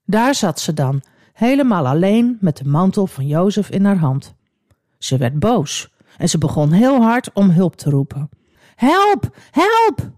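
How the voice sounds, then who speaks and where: A woman narrating a Bible story for children, expressive and speaking directly to young listeners. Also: lowish voice, a little slow, dry recording, clean studio sound.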